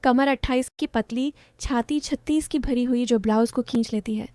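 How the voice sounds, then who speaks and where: A woman tells a first-person story in a playful, teasing way. Her voice is mellow and sits slightly high. The recording is close and dry. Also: dry recording.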